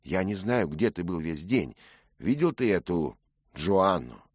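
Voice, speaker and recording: A man's voice: deep voice, big pitch swings, unhurried, slightly rough, no room sound, studio quality, pitched above the performer's own voice, heavily acted. A man voicing a bold, impulsive young squire who speaks in fervent exclamations, in a read-aloud story. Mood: puzzled.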